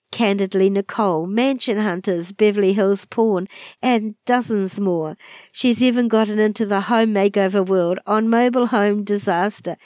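Raspy, breathless New Zealand woman hosting a podcast. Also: medium pitch, a little mellow, dry recording. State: ill with a chest infection, raspy and short of breath. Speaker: podcast host. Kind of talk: scripted podcast introduction.

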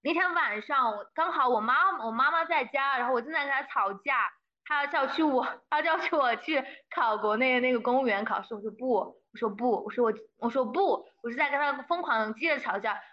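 Guesting in a casual interview, a young adult woman with a slightly high voice speaks quickly and eagerly, dropping English phrases into her story. The audio sounds dull and lo-fi.

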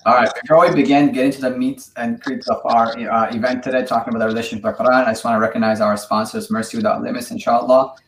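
A man hosting a podcast in casual chat, friendly and halting with many fillers. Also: medium pitch, level tone. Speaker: podcast host. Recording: echoey room with faint noise.

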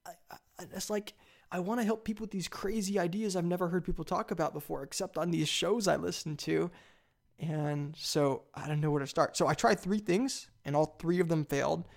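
A nineteen-year-old man hosting a solo podcast, rambling eagerly with sudden excited leaps in pitch. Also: gravelly. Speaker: podcast host.

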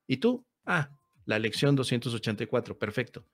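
A man's voice: medium pitch, very animated, normal speed. A man playing a glib quack doctor. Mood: mocking. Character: glib male quack doctor handing out prescriptions.

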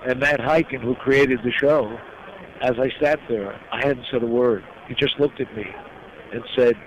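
A man's voice: medium pitch, fairly even intonation. Older man from New York, lo-fi sound. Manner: reflective, heartfelt, pausing often. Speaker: guest. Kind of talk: personal storytelling in an interview. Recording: dull lo-fi sound with clear background noise.

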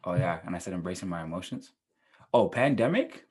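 A man's voice: low-pitched, lively intonation, brisk, darkish tone, breathy edge. A man in his twenties co-hosting a podcast, laid-back and reflective, cheering his co-host on. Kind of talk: casual chat.

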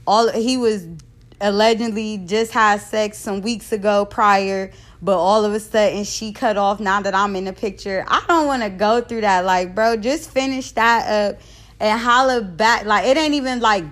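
Her voice is mid-range and a bit bright. She's a woman in her thirties hosting a podcast alone, talking frankly and casually in a monologue and sometimes fumbling her words.

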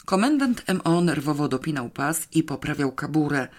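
An audiobook narrator reads a comic novel at an even, practised pace. The delivery is steady and expressive, with the voice ready to slip into each character. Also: mid-range voice, normal speed.

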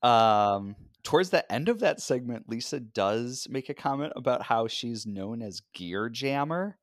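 Animated joking man, dry close sound. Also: mid-range voice, unhurried, no echo. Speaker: podcast co-host. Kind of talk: casual chat.

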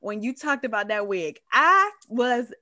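A woman's voice: a little high, big pitch swings, unhurried, pushed and bright. A woman co-hosting a podcast, chatting playfully and laughing easily. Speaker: podcast co-host. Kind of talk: casual chat.

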